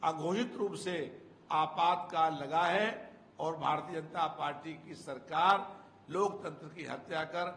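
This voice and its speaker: An older man, a party spokesman, giving an emphatic, measured political statement into a handheld press mic indoors. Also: on the high side, fairly bright tone. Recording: echoey room with faint noise.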